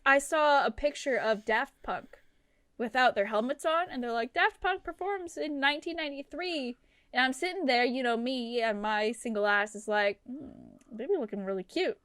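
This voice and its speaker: A woman's voice: a little high, normal speed, smooth, dry recording, clean studio sound. A woman in her late twenties co-hosting a casual podcast, telling stories with quoted asides. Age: 20s. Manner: animated storytelling with quoted asides. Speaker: podcast co-host. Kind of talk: casual chat.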